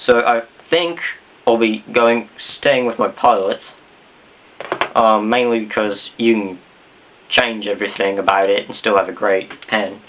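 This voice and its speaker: A man's voice: on the low side, fairly even intonation, a little slow, a little hiss or hum. A man with a Southern US accent rambling casually to the camera in an off-the-cuff, self-deprecating vlog. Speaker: video blogger. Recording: dull, muffled consumer camera sound.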